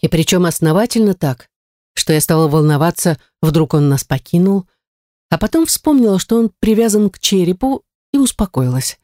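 Woman reading a fantasy audiobook, wry and lively, dry close mic. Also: on the low side, moderate pace, dry recording. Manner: lively wry storytelling with exclamations. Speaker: audiobook narrator. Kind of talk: first-person fantasy narration.

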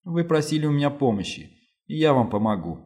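A man's voice: on the high side, big pitch swings, a little fast, dark tone, voice pushed up. A man reading a firm woman police lieutenant. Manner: firm, insistent. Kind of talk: audiobook reading.

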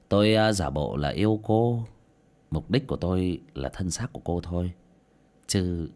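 Guy doing a low sneering young heartbreaker, mocking, storybook. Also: darkish tone, heavily acted. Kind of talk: audiobook character voice.

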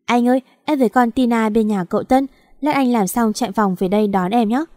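Lady reading as mean bossy older sister, sharp and scolding, kinda high. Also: brisk, dry recording, studio quality, natural voice. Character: harsh impatient older sister, adult woman.

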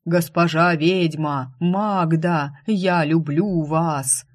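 A woman voicing a lovesick young man who loudly and slowly wails a clumsy serenade up at a window. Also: low voice, steady tone, exaggerated voice. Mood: mournful serenade. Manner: loud drawn-out mournful wailing.

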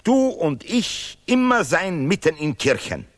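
In an absurdist radio play, an actor portrays a pompous, sanctimonious male laureate who declaims vehemently in deliberately broken grammar. His voice is fairly high and sing-song.

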